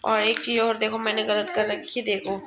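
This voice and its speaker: A woman's voice: medium pitch, flat delivery, moderate pace, background noise. A young woman chatting casually at home for her family vlog, rambling along and often quoting her husband. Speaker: family vlogger. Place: at home indoors.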